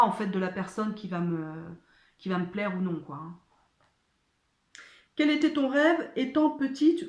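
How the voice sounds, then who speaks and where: A woman chatting casually as she answers viewer questions, hesitant, with many fillers and restarts. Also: fairly low pitch. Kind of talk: casual chat. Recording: echoey room.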